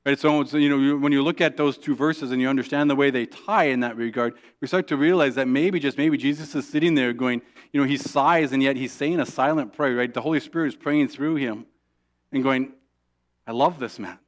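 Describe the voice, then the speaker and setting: Speaking in a mid-range voice with fairly even intonation, a pastor delivers his sermon like a conversation. He keeps asking "right?", stops and restarts sentences, repeats words, and hushes his voice softly when acting out quoted prayers.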